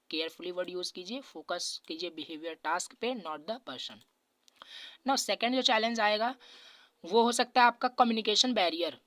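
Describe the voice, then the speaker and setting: A male teacher giving an exam revision lecture. He explains patiently, repeats himself often with many fillers, and reads English lines out slowly. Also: sits high, a bit bright, no room sound, low-quality recording.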